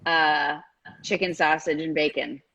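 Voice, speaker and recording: A woman's voice: low-pitched, steady tone, measured pace, bright, forceful tone, breathy edge, muffled recording. A woman hosting a live stream over a video call, in casual chat, chatty and full of "like" and "um". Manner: chatty, many fillers like "like" and "um".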